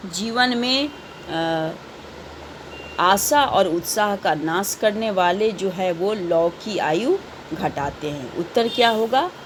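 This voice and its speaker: A woman's voice: mid-range voice, a little hiss or hum. A woman teaching a recorded class to children, reading out questions and patiently repeating the answers.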